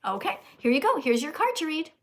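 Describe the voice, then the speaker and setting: A woman's voice: high-pitched, very animated, brisk, vocal fry, fairly bright tone. Insistent teacherly woman livestreamer. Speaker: livestream host. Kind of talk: livestream chat with callers.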